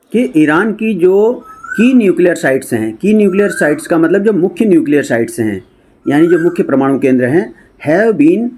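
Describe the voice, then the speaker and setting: A man teaching an English lesson, reading newspaper phrases slowly and then explaining them to his viewers. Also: mid-range voice, a little mellow. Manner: addresses viewers directly.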